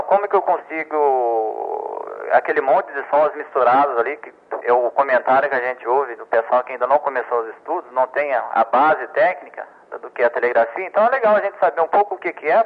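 Male instructor, slightly high voice, patient and repetitive, heard through a tinny radio line. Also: brisk. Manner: patient, repetitive, stammers on words, checks with "ok?" and "né?". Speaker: telegraphy instructor. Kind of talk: explanatory lesson.

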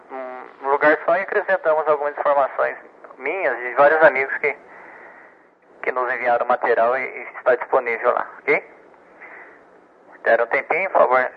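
A man hosting an amateur radio net over a two-way radio, giving casual announcements with halting repeats and frequent check-ins. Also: mid-range voice. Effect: heard over a two-way radio transmission. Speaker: host of a ham radio net. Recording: tinny narrowband radio transmission.

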